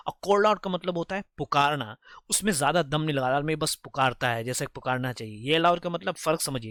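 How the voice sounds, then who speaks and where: Tutor voice: a man explaining phrases, a bit high, close and dry, repeats and self-corrects. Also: fairly bright tone, no room sound. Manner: reads English phrases slowly, then explains them briskly; repetitive, correcting himself as he goes. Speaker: English teacher. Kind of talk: explaining English phrases from a story.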